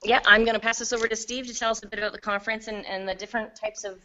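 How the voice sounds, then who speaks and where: A woman with a somewhat high voice co-hosts in a casual, chatty style. Her sound is a bit dull, carried over a video call. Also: steady tone, racing, pushed and bright. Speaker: on-site co-host. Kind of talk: casual chat.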